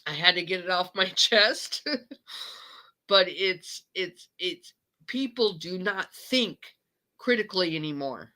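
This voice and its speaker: Woman host, emotional slow rant, bright tense tone, lots of restarts. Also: fairly low pitch, rough recording. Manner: ranting, repeats itself and restarts sentences. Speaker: channel host. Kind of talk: impassioned monologue on a live chat.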